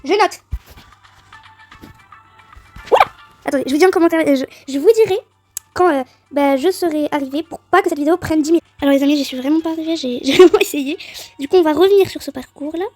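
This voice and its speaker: A woman giving chatty, excitable let's-play commentary on a game, talking straight to her viewers. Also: high-pitched, fast, no room sound, soft background music. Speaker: gaming video creator.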